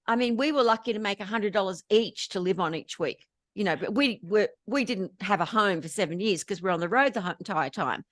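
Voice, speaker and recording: An Australian woman telling lively stories as an interview guest, often laughing between anecdotes. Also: medium pitch, brisk, no echo, clean studio sound. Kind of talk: storytelling in casual interview chat.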